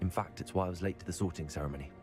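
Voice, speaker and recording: A man voicing a calm, curious young male student in video game dialogue, matter-of-fact in manner. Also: sits low, rapid-fire, over music, lightly acted.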